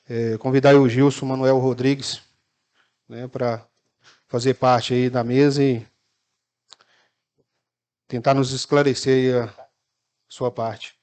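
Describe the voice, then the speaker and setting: Halting Brazilian councilman from Minas Gerais. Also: medium pitch, darkish tone. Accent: Brazilian Portuguese, Minas Gerais. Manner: halting, many restarts and fillers, measured. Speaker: city councilman questioning officials. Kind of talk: formal council session speech. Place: municipal council chamber.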